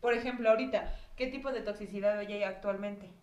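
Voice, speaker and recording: A woman's voice: mid-range voice, a little fast, darkish tone, echoey room, recorded from a distance. A young Mexican woman in casual chat, playful and slangy with teasing remarks.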